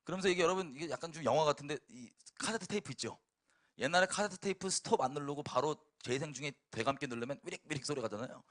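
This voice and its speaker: Lively animated man giving testimony. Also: a little high, fast. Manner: lively storytelling with emphatic bursts and laughter. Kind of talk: sermon testimony.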